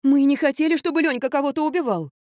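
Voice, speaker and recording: A woman's voice: fairly high pitch, sing-song, normal speed, dry recording, studio quality, pitched above the performer's own voice. Woman voicing a mocking spoiled young woman. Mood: desperate. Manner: sharp, mocking. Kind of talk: audiobook character voice.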